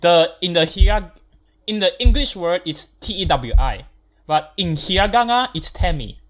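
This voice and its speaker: A man's voice: sits high, expressive, normal speed, fairly bright tone. Male podcast co-host; casual and argumentative, swears when rattled. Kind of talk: casual chat.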